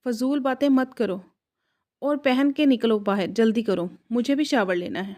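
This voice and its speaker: A woman voicing a quick-tempered young husband who scolds curtly in a storybook reading. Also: on the high side, a little mellow, natural voice. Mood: irritated scolding. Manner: scolding, gruff.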